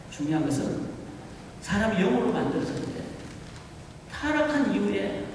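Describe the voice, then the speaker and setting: A man's voice: very high-pitched, darkish tone, slight background noise. A male pastor preaching a sermon in a church, asking rhetorical questions and answering them, repeating phrases for emphasis. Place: church sanctuary. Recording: echoey hall, mic far off.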